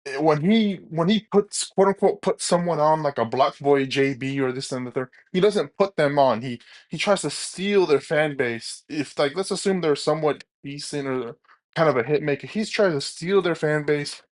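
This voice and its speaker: A man hosting a reaction video, rambling with halting restarts and blunt opinions. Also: fairly high pitch. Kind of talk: casual reaction commentary.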